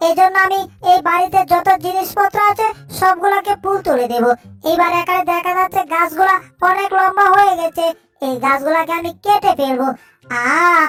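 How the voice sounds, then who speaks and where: A woman doing a squeaky, greedy baby crocodile. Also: a bit bright. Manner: squeaky, singsong, chomping noisily. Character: greedy hungry little baby crocodile, male. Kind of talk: fan cartoon dubbing.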